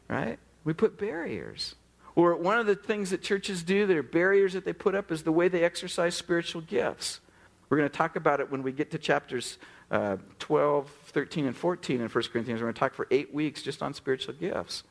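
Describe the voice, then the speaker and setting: A middle-aged man, a pastor, preaching a sermon with animated storytelling and acted-out dialogue. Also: fairly high pitch, creaky.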